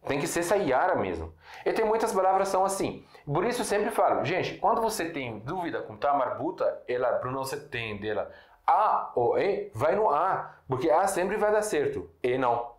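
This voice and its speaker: A man from Syria, a native Arabic speaker, giving a casual video lesson at a board, explaining slowly with repeated examples and frequent check-ins. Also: fairly high pitch, very animated. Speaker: Arabic teacher. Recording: echoey room.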